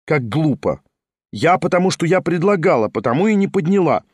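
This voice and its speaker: A man's voice: fairly high pitch, sing-song, fairly quick, a little mellow, breathy edge, no echo, clean studio sound, pitched above the performer's own voice. A man doing a bossy fussy hostess. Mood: insistent. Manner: insistent, commanding.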